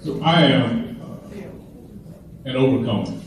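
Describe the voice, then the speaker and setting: A middle-aged man from Chicago delivers a motivational keynote with an unhurried, mid-range voice. He tells funny stories in a casual, conversational storytelling style. The hall is echoey, the mic is far off, and there's a faint hiss.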